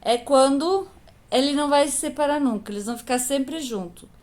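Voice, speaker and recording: A woman's voice: high voice, normal speed, darkish tone. A woman teacher patiently explaining a grammar lesson to young pupils, asking questions and answering them herself. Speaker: primary school teacher.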